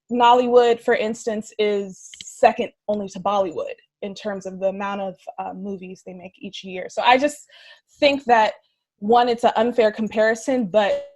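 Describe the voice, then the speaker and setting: A woman on a casual discussion panel, speaking in a measured way with hedges and fillers as she reasons aloud. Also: fairly high pitch, poor audio. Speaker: panel guest.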